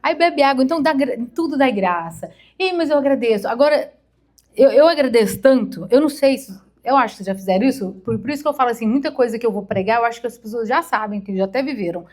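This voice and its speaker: Chatty and emotional, a Mineiro woman in her fifties preaches an informal sermon to a congregation, acting out quotes in little stories. She's a therapist from Minas Gerais, Brazil. Her voice is on the high side, expressive, quick and a little mellow.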